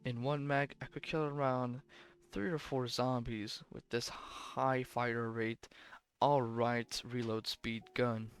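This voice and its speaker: Faint music sits behind a young man who ranks game weapons casually, rambling, self-correcting and offhand. Worn from a long recording session and sleepy, his smooth mid-range voice takes things slowly with little pitch movement.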